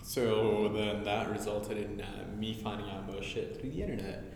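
A man in his thirties with a fairly low voice talks casually as a podcast co-host, full of slang and swearing. The sound is extremely echoey with long reverb and a little background noise. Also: fairly even intonation, moderate pace, darkish tone. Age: 30s. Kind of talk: casual chat. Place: echoey hard-walled room. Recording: cavernous echo, long reverb, faint noise.

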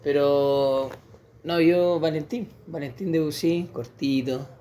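A man's voice: on the high side, slow pace, dark tone, a little hiss or hum. Joking Chilean man, slangy banter. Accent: Chilean Spanish. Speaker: podcast co-host. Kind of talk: casual chat.

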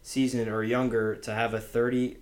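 A man's voice: medium pitch, little pitch movement, moderate pace. A young man hosting a casual podcast, upbeat as he chats and reads out trivia questions. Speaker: podcast host. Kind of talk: casual chat.

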